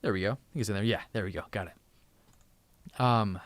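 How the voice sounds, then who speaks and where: This lowish-voiced man in his thirties runs a tech live stream from a home room, thanking and chatting with viewers in a casual way while often starting over and repeating words. He talks at a moderate pace, and there's no echo.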